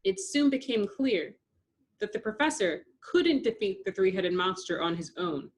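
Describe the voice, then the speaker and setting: A woman reading a children's storybook aloud with expressive, animated narration. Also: mid-range voice, unhurried.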